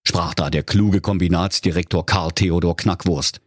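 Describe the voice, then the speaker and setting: A man's voice: deep voice, steady tone, moderate pace, no room sound, clean studio sound. A man narrating a comic fairy-tale parody in a mock-solemn storytelling manner.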